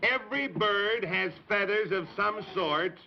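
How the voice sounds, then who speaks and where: A man playing an excitable, folksy host of a 1950s children's television show, speaking emphatically and repeating himself for the kids. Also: high voice, a little slow, creaky, a little hiss or hum. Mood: insistent. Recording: muffled 1950s TV recording with music.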